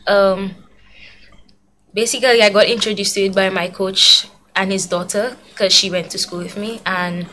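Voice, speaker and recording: A young woman who plays rugby introduces herself on a live sports talk show. She speaks softly and hesitantly at a middle pitch, and faint noise runs under the recording. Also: fairly even intonation, normal speed. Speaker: rugby player, studio guest.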